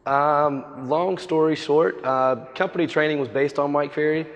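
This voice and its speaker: A man in his thirties talks fast and upbeat through a hoarse throat, his pitch barely moving. His voice carries a long hall reverb. The sound is muffled and dull. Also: steady tone. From North Carolina, US. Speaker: real estate agent, guest speaker. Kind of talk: onstage interview.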